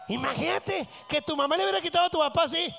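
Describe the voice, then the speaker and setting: A middle-aged man with a Mexican accent doing a crude, rowdy stand-up routine on a theatre stage, breaking into shouted voices. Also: very high voice, fast talker, gravelly. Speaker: stand-up comedian.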